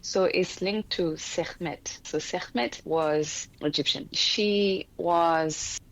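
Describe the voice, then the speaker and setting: Low-voiced woman telling her healing path. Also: takes it slowly, lo-fi sound. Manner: earnest, explains with frequent restarts and small laughs. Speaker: energy healer guest. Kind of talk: casual interview conversation.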